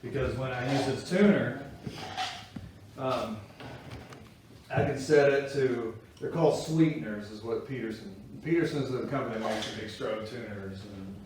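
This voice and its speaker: A man's voice: medium pitch, normal speed, a little mellow, recorded from a distance, a little hiss or hum. A man teaching a guitar-making class to a small group, explaining things in a folksy, chatty way. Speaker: guitar-building instructor. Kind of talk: casual workshop class talk. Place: workshop classroom with students. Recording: echoey room recorded from afar.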